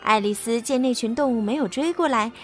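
A woman narrating a children's story in an expressive storybook manner. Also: fairly high pitch, brisk. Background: soft background music.

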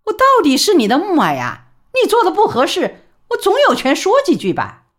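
A woman doing a shrill, scolding mother. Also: huge pitch swings, fairly quick. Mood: indignant. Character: exasperated middle-aged mother, sharp-tongued and fiery.

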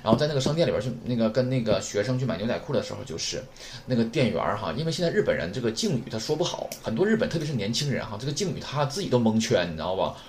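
Man, language teacher, casual lecture, lively pitch, keeps asking rhetorical questions. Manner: chatty, rhetorical questions, repeats points slowly.

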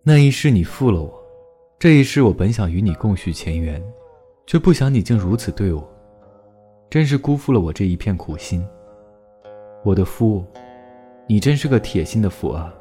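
A man giving voice to a grieving ghost wife from an old storybook tale, tearful and reproachful as she pleads with the husband who spurned her. The voice sits low and mellow, with a faint plucked guitar in the background. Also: animated, normal speed, long pauses, lightly acted. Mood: aggrieved. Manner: sobbing, plaintive and reproachful. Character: grieving female ghost spirit, young wife, wronged.

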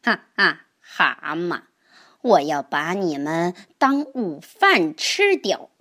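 A woman's voice: fairly low pitch, very animated, slow pace, bright, forceful tone, voice pushed down, exaggerated voice. A woman voicing a sly, hungry snake in a children's storybook.

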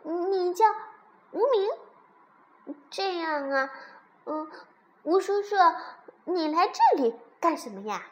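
A woman voicing a crybaby baby spinosaurus in a storybook, with a high, sweet, childlike way of talking. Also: lively intonation, takes it slowly, pauses often, darkish tone, exaggerated voice, rough recording. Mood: sweet curious.

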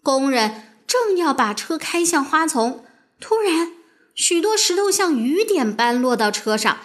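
Lively high-voiced woman reading a children's story. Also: a little slow.

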